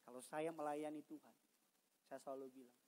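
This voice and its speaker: A man preaching a sermon as a pastor in church, moving between quiet conversational asides and loud, emphatic passages, with humorous remarks and English phrases mixed in. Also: fairly high pitch, fairly even intonation, brisk, poor audio. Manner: mixes English phrases into his speech. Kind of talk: sermon at a midweek church service.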